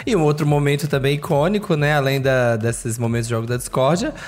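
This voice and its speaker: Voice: medium pitch, fast talker. A podcast co-host interviewing a guest with enthusiasm and affection.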